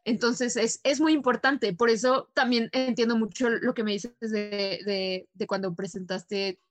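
A young Mexican woman tells her own story on a podcast, talking quickly and casually with plenty of slang and fillers. Her voice sits a little high, and the recording is close and dry with no room sound. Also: steady tone, no echo. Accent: Mexican Spanish. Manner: fast, slangy, frequent fillers and laughs. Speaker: podcast co-host.

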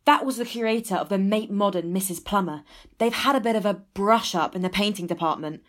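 Comic audio drama role: forthright young female detective in training, acted by a woman, expressive and earnest, mid-pitched, faint music underneath. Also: brisk, lightly acted. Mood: exasperated, insistent.

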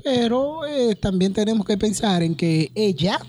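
A woman's voice: mid-range voice, expressive, a little slow, mellow. A woman co-hosting a casual podcast chat, emphatic and often repeating her phrases while she thinks. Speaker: podcast co-host.

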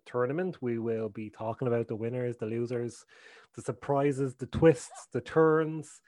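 A man's voice: medium pitch, unhurried, a little mellow, no echo. Rambling man hosting a podcast. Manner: rambling, filler-heavy, jokey. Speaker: podcast co-host. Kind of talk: casual podcast chat.

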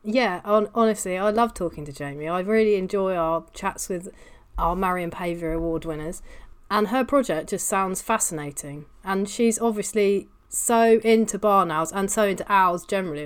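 A woman's voice: mid-range voice, moderate pace, clean tone. Enthusiastic woman co-host. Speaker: podcast co-host. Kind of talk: casual podcast chat.

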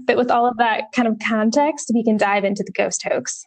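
A woman co-hosting a casual history podcast, talking in a relaxed way with lots of ums and the odd wry swear word. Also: a little high, normal speed. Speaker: podcast co-host.

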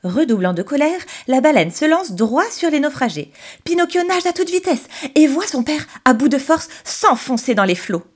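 A woman narrating a children's storybook in an expressive, dramatic way. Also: high-pitched, normal speed. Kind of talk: storybook reading.

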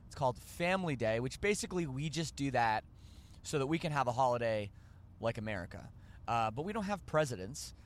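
A man's voice: medium pitch, big pitch swings, brisk. A man with a Canadian accent hosting a podcast, rambling and joking as he corrects himself. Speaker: podcast host. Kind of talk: casual podcast chat.

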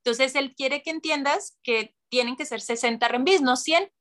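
A woman's voice: high-pitched, normal speed. A woman, casually telling a story as a guest and acting out voices. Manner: animated, acts out voices, laughs often.

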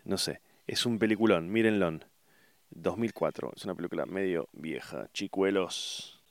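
A middle-aged man with an Argentine Spanish accent rambles casually to his viewers, stopping often to hunt for words. His voice sits low and comes across smooth and resonant. The sound is dry, with no room echo. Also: moderate pace. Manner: hesitant, searching for words, many fillers. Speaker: vlogger.

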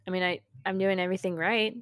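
A woman's voice: mid-range voice, fairly even intonation, fast, a bit bright, smooth, no room sound, studio quality. A young woman who runs a small craft business, talking in a casual, rambling vlog that keeps interrupting itself. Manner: rambling, self-interrupting and frank.

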